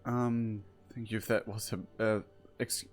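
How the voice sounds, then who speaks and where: A man's voice: lowish voice, flat delivery, unhurried, soft background music. A man playing a tabletop role-playing game, talking hesitantly with many ums and apologies. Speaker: player.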